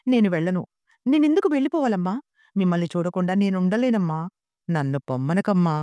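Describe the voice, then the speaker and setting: Give me a hurt young son from a storybook, pleading and loyal, as a woman narrator puts him on. His voice jumps high with feeling. The sound is dry and near. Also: animated, moderate pace, a little mellow, no echo.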